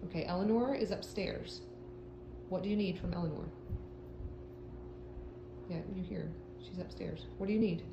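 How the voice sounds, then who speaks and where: A woman's voice: on the low side, moderate pace, creaky, pauses often, reverberant, dull audio, noisy background. A woman talking patiently to her dog, coaxing it and asking the same questions again and again. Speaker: dog owner. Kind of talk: casual talk to a pet.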